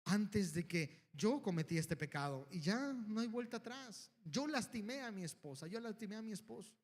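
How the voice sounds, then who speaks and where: Male pastor, Mexican accent, very high voice, fervent sermon, long hall echo. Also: expressive, moderate pace. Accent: Mexican Spanish. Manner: impassioned preaching, rising to shouted exhortation. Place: church hall.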